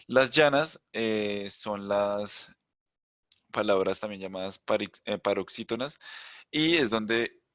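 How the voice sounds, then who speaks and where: A low-voiced man teaching an online class through a computer microphone. His voice sits in a dry, close sound. He explains step by step and keeps checking that his students follow him. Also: slow, a bit bright, no echo. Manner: explanatory, checks in with "¿listo?" and "¿vale?"; thinks aloud, hums while searching the screen. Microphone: computer mic on a video call.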